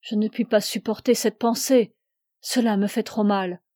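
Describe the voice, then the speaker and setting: A man's voice: sits high, steady tone, normal speed, dark tone, no room sound, studio quality, natural voice. A woman reading the part of an exhausted young man, tearful and pleading over a lost love. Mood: anguished. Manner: pleading, anguished.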